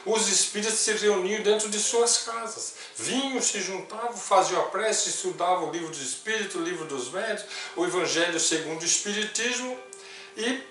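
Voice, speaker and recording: A man's voice: sits high, normal speed. Older man telling a story, echoey hall. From Brazil. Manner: storytelling, quoting others with soft voices. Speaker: spiritist speaker. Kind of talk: personal testimony talk. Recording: distant mic with heavy room echo, faint music.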